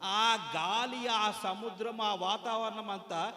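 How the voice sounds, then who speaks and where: Loud preaching man in an echoey hall. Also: takes it slowly. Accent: Telugu. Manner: call-and-response preaching, urging the crowd to answer and clap; swings from soft storytelling to loud high exclamations. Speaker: pastor. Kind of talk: sermon. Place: large hall at a church gathering.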